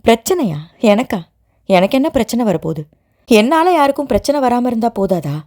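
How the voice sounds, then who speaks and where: A woman's voice: on the high side, very animated, brisk, darkish tone. A young wife in an audio novel who jokes and teases to cover her pain, her voice swinging up and down as she coaxes, as a woman reads her part. She sounds playful and tender by turns. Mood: wry. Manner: playful and teasing, turning tender. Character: teasing young woman, newly married, hiding hurt.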